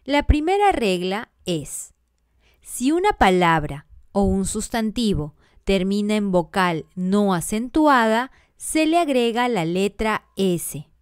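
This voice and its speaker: Slow, clear-voiced woman teaching grammar. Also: medium pitch, no room sound, clean studio sound. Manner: deliberate, spells out letters and lists examples one by one. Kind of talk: slow scripted grammar lesson.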